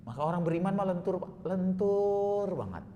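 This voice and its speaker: A man with a rather high voice delivers a religious lecture, telling vivid stories and addressing his listeners as sir again and again. His voice carries a long reverb, as if recorded in a large hall. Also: lively intonation, moderate pace, mellow, slight background noise. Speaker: religious teacher.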